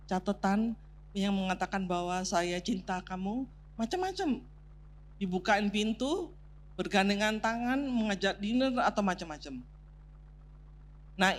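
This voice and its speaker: A woman's voice: medium pitch, slight background noise. Give me a woman preacher teaching a church sermon on marriage, step by step, with a medium voice and English terms mixed in. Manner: teaching, lists points, mixes in English terms; prompts the congregation to take part, laughs along. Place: church sanctuary.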